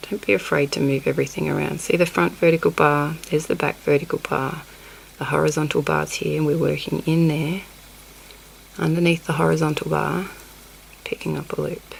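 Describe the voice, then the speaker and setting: With a deep voice and vocal fry, a woman sniffly from a cold walks through a crochet technique in a hands-on craft tutorial, her hands shown up close. She counts stitches under her breath and apologizes in asides, in a low-quality recording with a faint hiss or hum.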